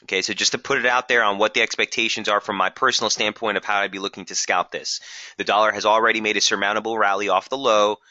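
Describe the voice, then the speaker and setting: A man hosting a live trading webinar, brisk and technical, losing his voice and clearing his throat now and then. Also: lowish voice, steady tone, pushed and bright, dry recording, dull audio. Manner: brisk, technical, addresses viewers as guys. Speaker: market strategist hosting a webinar.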